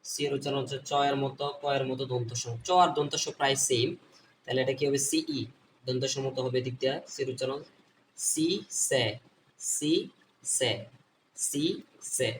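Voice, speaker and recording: A man's voice: mid-range voice, little pitch movement, fast talker. Bangladeshi guy teaching kids' english sounds, repeats stuff, asks then answers himself, bit far from the mic. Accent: Bangladeshi Bengali. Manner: repeats points, asks and answers own questions. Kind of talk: online phonics lesson. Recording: voice a bit off-mic, faint background noise.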